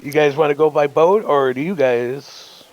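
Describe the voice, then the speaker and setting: A man's voice: fairly high pitch, normal speed, lo-fi sound. A man playing a tabletop game, talking casually and asking the game master lots of questions. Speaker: player.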